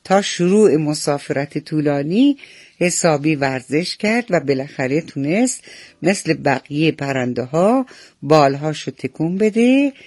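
A man gently narrating a bedtime story for children, speaking to them warmly and directly. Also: on the high side, expressive, dry recording. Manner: gentle, affectionate, talks straight to the kids.

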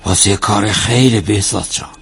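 A man's voice: lowish voice, husky, faint music behind. An actor playing a devout, kindly man who pleads in a familiar drama-dialogue way, full of blessings. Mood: earnest, coaxing. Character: devout, kindly, persuasive errand man helping charity.

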